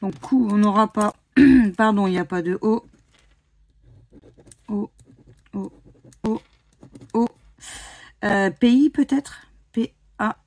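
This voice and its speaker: French woman, slow husky scratch-card commentary, spells letters aloud. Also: mid-range voice, darkish tone, no echo. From France. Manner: spells out letters one by one, muttering and hesitant. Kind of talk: casual commentary while playing scratch cards.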